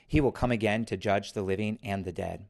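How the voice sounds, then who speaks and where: A man officiating a church service, reading scripture and reciting prayers in a measured, formal way. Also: lowish voice, creaky, a little mellow.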